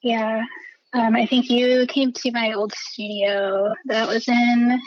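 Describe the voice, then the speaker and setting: A woman from the Philadelphia area being interviewed about her art from her studio, speaking hesitantly with many fillers and pauses. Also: on the high side, level tone, no room sound. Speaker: guest artist. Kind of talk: casual interview. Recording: dull lo-fi remote line, dry.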